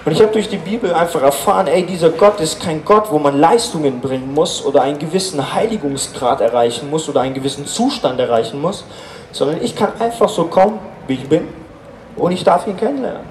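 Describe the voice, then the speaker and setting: A man's voice: on the high side, expressive, a little fast, echoey room, a little hiss or hum, poor audio. Earnest man giving casual faith testimony. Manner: informal, earnest, many fillers.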